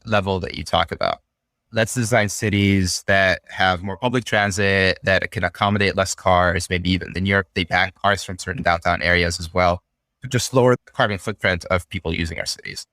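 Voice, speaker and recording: A man's voice: deep voice, normal speed, dry recording, studio quality. Young Syrian man explaining things casually. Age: young adult. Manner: relaxed, thoughtful, explanatory with frequent fillers. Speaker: podcast guest. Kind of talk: casual conversational interview.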